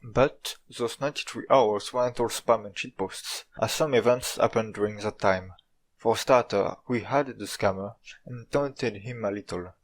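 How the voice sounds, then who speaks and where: A man with a French accent narrates a video story in a fairly low voice. His delivery is informal, dry and tongue-in-cheek, as befits a native French speaker telling his tale in English. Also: normal speed. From France.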